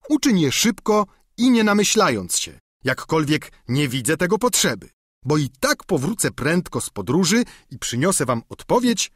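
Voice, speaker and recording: Heard in a lively, dry storybook reading, a simple peasant squire rattles on eagerly in a raised, bouncy voice, as a man puts him on. He is folksy and chatty, all plain talk. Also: fairly high pitch, husky, dry recording, voice pushed up. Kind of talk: audiobook character reading.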